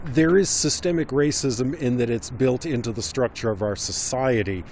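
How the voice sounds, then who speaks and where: A man giving a calm, articulate, analytical answer in a street interview. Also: mid-range voice, moderate pace, faint music behind. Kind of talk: street vox pop answer.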